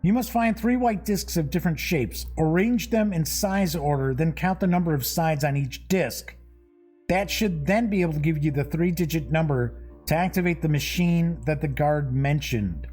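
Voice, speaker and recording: A man's voice: on the high side, normal speed, a little mellow, slightly rough, soft background music. A man doing a confident, know-it-all adventurer. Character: confident, knowledgeable adventurer explaining a puzzle.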